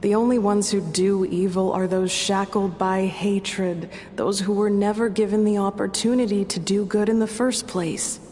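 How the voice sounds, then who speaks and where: A woman playing a compassionate young heroine in a video game, measured and earnest. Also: medium pitch, steady tone, dark tone, natural voice. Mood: earnest resolve. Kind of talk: dramatic video game acting. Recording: long reverb, background noise.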